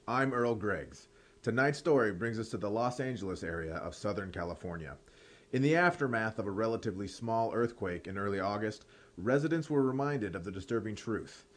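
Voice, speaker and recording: A man playing a solemn parody TV news anchor, reading scripted lines in a grave, deliberate deadpan. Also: fairly low pitch.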